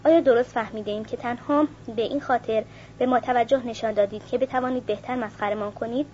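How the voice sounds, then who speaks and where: A woman's voice: a little high, steady tone, mellow, close to an everyday voice. A woman voicing a stiff, formal male officer who speaks with dignified politeness, on a slightly muffled recording. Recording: muffled with faint hiss.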